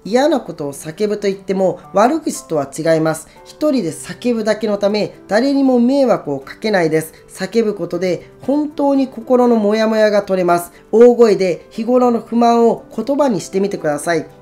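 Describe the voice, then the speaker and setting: A woman narrating a book summary in a calm, instructive, even reading voice. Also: medium pitch, moderate pace, hardly any pauses, soft background music. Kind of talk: scripted narration.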